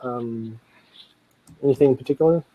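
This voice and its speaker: A man hosting a casual interview on a video call, asking questions in a halting, loose way. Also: medium pitch. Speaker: host. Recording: dull lo-fi video-call audio.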